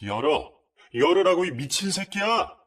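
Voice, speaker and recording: A man voicing an enraged adult son who shouts and curses, his voice set back from the mic. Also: on the high side, huge pitch swings, measured pace, pitched above the performer's own voice, heavily acted. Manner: furious, shouting insults.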